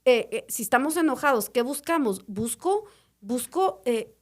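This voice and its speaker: A woman's voice: sits high, very animated, a little slow. A woman, a mother and podcast co-host, explaining at length with tag questions and restarts. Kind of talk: casual podcast chat.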